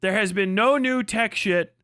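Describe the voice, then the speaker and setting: This livestream host, possibly middle-aged, delivers an unhurried yet brash rant full of mockery, profanity and emphasis. The high, sharp, clean voice comes through a dry, studio-quality recording.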